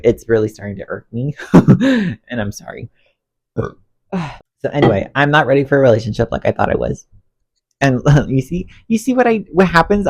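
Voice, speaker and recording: Cleaning his bedroom, a man with a creaky mid-range voice vents to his camera, a phone propped on a stand under a ring light. He's congested and losing his voice, and his emotional rambling drifts into self-talk with expressive swings.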